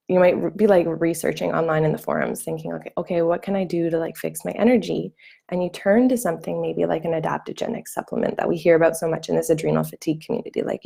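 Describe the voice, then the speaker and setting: Gravelly-voiced woman hosting a live wellness talk. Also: fairly low pitch, mellow. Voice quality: gravelly morning voice. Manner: chatty, many fillers and restarts. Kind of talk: live-streamed talk with viewer questions.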